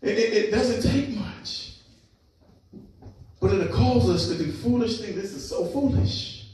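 High-voiced pastor preaching in an echoey church. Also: male voice, animated, measured pace, noisy background. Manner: playful, acts out animals and voices with laughs. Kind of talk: sermon. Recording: echoey church hall, mic far off.

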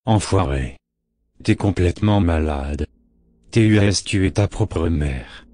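A man's voice: deep voice, expressive, slow pace, dark tone, no echo, clean studio sound. A man voicing a frightened, grieving father in a horror story reading, distraught and pleading. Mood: anguished.

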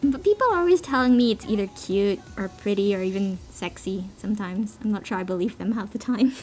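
The audio is poor, but you can hear a medium-pitched, darkish, expressive voice moving briskly. She's an amateur cover singer responding to a voice meme, rambling playfully to online listeners with giggles and self-deprecating jokes over a background song.

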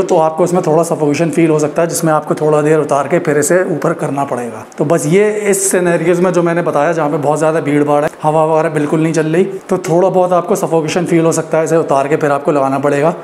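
A man's voice: on the high side, fairly even intonation, quick pace, few pauses, a little mellow. A man talking through a face mask as he reviews a product in a casual vlog, explaining it in a chatty way to his viewers. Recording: echoey room, faint background hiss.

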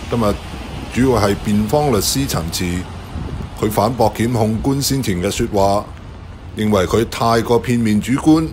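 A man with a fairly low voice narrates news from a script. He speaks as a reporter.

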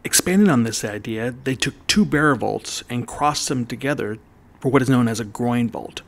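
Calm male voice-over narrator. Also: mid-range voice, normal speed. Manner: explanatory, walks the listener through ideas step by step. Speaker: narrator of an art history video.

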